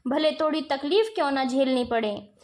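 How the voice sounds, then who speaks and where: Woman reading as a grumpy husband dad, high voice, a storybook voice. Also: expressive, normal speed. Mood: gentle, explaining. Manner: stern then gently explaining. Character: short-tempered husband and father, middle-aged man.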